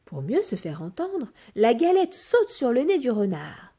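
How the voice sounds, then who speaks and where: A woman reading a children's fairy tale aloud in an expressive, sing-song storytelling manner. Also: on the high side, a little slow.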